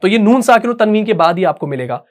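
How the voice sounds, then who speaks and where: A man's voice: sits high, expressive, a little mellow. Patient male Quran recitation teacher. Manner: patient and repetitive, slows down to dictate and asks if it is clear. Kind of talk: dictated classroom lesson.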